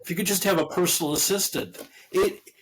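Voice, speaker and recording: A man's voice: high voice, a little fast, fairly bright tone, slightly rough. A man being interviewed as an author, talking in a chatty, loose way, often laughing and restarting his sentences. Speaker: author guest. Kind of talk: casual conversational interview.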